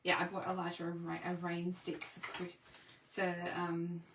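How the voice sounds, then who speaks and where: Woman papercraft demonstrator, casual tutorial chat, self-interrupting, slightly low and gravelly, faint noise. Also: monotone, measured pace. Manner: rambling, chatty, self-interrupting.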